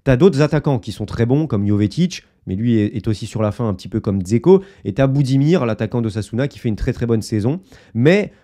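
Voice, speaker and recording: In a casual football video, a YouTuber chats his opinions to viewers, full of fillers and asides, analyzing the game to camera. His mid-range voice is animated and brisk, with a dark tone.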